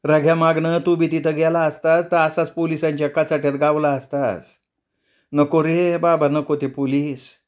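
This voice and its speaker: A man's voice: fairly high pitch, little pitch movement, normal speed, darkish tone, voice pushed up, natural voice. Man doing a pleading worried old woman. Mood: fretful. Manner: tearful, pleading. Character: poor older woman, anxious and pleading. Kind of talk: audiobook storytelling.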